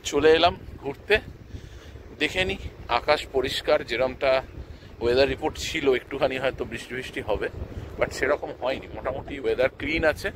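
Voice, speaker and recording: A man giving casual, unscripted travel vlog narration outdoors, repeating and rephrasing as he explains, with wind on the mic. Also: fairly high pitch. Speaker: travel vlogger. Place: open sea beach outdoors, in the wind. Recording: windy outdoor noise on mic. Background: wind and outdoor ambience.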